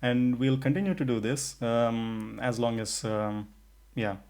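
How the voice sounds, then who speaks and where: A man's voice: medium pitch, steady tone, unhurried, darkish tone. A man co-hosting a podcast in a casual, chatty way with frequent restarts. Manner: chatty, many restarts and fillers. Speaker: podcast co-host.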